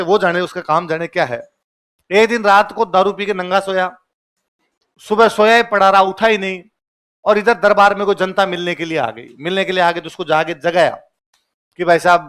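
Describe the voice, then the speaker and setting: High-voiced male teacher quizzing class. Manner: repeats each point in two languages and quizzes the class; lively storyteller, often laughing. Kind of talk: classroom lecture.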